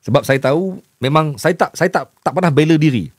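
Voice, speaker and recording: A man's voice: fairly high pitch, expressive, brisk, slightly rough, no echo. A man with a Malaysian Malay accent who stutters and repeats words, a news journalist chatting candidly to camera and mixing in English. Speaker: news journalist and voice-over producer. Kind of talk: casual talk to camera.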